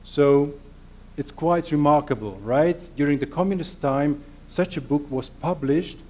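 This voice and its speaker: Speaking with a fairly high-pitched voice and a darkish tone, a middle-aged man from Hungary delivers a conference talk in his Hungarian accent, earnest and self-deprecating, with halting non-native phrasing.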